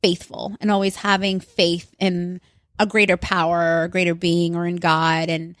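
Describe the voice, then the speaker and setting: A woman's voice: fairly low pitch, little pitch movement, normal speed, no echo, studio quality. A woman from Long Island co-hosting a casual podcast, chatty and peppering her talk with "like". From Long Island, New York. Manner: chatty, says "like" often. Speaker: podcast co-host. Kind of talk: casual chat.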